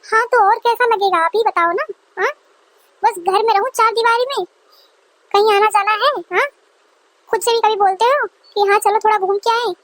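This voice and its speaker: A woman's voice: extremely high pitch, normal speed, a bit bright, no room sound. A woman voicing an aggrieved young newlywed wife who argues indignantly with her in-laws, in a dry close recording. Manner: indignant, complaining.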